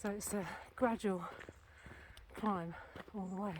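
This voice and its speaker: A British vlogger talks casually to a handheld camera while walking outside, meandering, correcting herself, and a bit breathless. Her mid-range voice is slow with fairly even intonation, and background noise can be heard.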